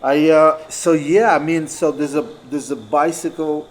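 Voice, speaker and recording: A man telling stories in a relaxed group conversation, rambling and often correcting himself mid-sentence. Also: on the high side, measured pace, poor audio. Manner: rambling, self-correcting storyteller. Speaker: dancer and co-host. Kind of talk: casual chat.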